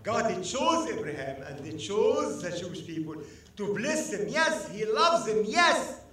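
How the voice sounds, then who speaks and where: Animated male preacher in an echoey church. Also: high voice, measured pace, a little hiss or hum. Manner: animated, emphatic, calls on congregation to respond. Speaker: guest preacher. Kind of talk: sermon. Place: church sanctuary. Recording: echoey church hall, mic at a distance.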